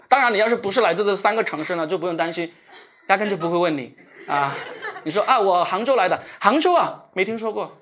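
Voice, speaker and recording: A man from Shenzhen with a Cantonese accent, doing live stand-up comedy with self-mocking, animated storytelling. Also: fairly high pitch. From Shenzhen, Guangdong.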